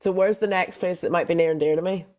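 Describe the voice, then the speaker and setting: A woman's voice: on the low side, fairly even intonation, a little mellow. Young woman co-host, casual and teasing, trips over her words and laughs at herself. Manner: playful, self-mocking, quick restarts. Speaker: podcast co-host. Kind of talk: casual chat.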